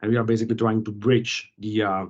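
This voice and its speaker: Man, low voice, measured and formal, muffled call audio; interview guest. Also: flat delivery. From Czech Republic. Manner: measured, formal policy explanation. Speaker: guest, policy advocate. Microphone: video call.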